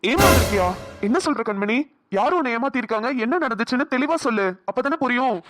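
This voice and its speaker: A woman's voice: on the high side, animated, fast talker, fairly bright tone, soft background music. A woman voicing a caring young man in a cartoon drama, speaking in a soothing, coaxing, earnest way. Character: caring young man Karthik, gentle supportive friend.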